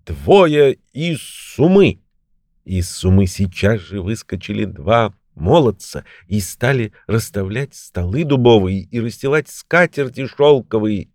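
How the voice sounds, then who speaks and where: A man reading a fairy tale aloud in an expressive storytelling way. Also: on the low side, dry recording, studio quality.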